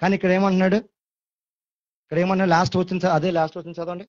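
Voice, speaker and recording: A male pastor with a Telugu accent preaching a fervent sermon, with his voice climbing into shouted praise. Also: high-pitched, level tone, very fast, dry recording. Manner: fervent, rising to shouted hallelujahs and quoted pleas. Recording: muffled lo-fi sound, dry.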